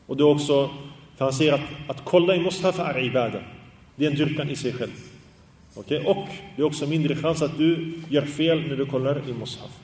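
A man's voice: on the high side, a little mellow, echoey room, in a large hall, far from the mic, a little hiss or hum. A man teaching a religious study class, asking his students questions and chanting Arabic quotations in a sung tone. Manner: asks the class questions and answers them; recites Arabic phrases in a sung tone. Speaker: Islamic teacher.

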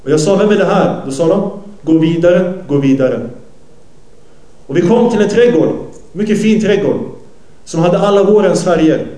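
A man's voice: high-pitched, mellow, reverberant, low-quality recording. En man som återberättar en hadith i en predikan, översätter direkt och rättar sig själv medan han berättar. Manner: translating and retelling as he goes, self-correcting. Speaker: preacher. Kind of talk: sermon retelling a hadith.

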